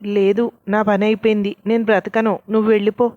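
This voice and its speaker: A woman's voice: mid-range voice, flat delivery, a little fast, no echo, lightly acted. A badly injured young man talks weakly, resigned to his fate, as a woman narrator reads him. The recording is dry and dull. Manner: weak, resigned.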